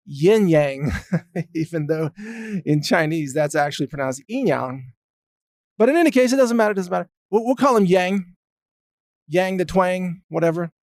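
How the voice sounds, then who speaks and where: A man's voice: a little high, no echo, clean studio sound. A man hosting a political commentary monologue, talking in a sarcastic, mocking way. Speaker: host.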